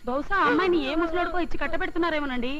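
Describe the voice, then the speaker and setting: An actress playing a married neighbor in a film comedy, speaking in a reassuring way. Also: female voice, very high-pitched, racing, muffled recording, over a noisy crowd. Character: kindly married woman next door.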